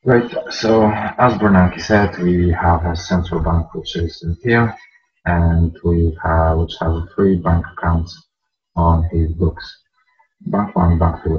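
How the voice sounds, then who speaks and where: A man with an Eastern European accent explaining things step by step in a casual, conversational narration. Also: low voice. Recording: dull lo-fi audio with music.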